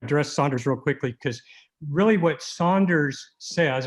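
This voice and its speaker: Halting male lawyer arguing a case. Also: mid-range voice, dull audio. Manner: halting, argumentative, repeating words as he goes. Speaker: appellate lawyer. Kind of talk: oral argument in court.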